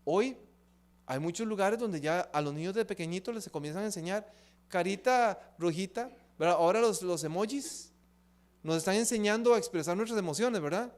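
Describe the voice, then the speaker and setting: High-voiced man giving a church talk. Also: moderate pace. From Latin America. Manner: lively, asks the audience rhetorical questions. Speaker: seminar speaker. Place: church hall.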